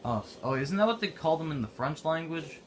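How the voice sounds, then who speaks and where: A man's voice: fairly high pitch, lively intonation, a little fast. A young man giving casual, offhand commentary while playing a war video game. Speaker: gameplay commentator. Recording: noisy game audio behind.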